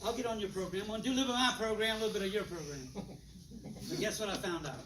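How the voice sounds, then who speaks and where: A male presenter with a high-sitting voice and quick pace demonstrates water machines to a live audience, using folksy patter and acting out dialogues in changing voices. The capture is distant and roomy, with an echoey room and loud background noise.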